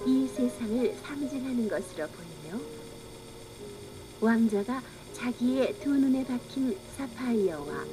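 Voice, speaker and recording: A woman reading scripted children's storybook narration in a measured, earnest manner on an old cassette. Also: fairly high pitch, rough recording. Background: music.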